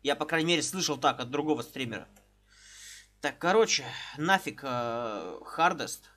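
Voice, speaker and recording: Game music runs beneath this live stream, where a man in his thirties sits in a small room with a headset, greeting each viewer individually in easygoing chat. His voice is on the high side and sharp, with lively intonation and a moderate pace.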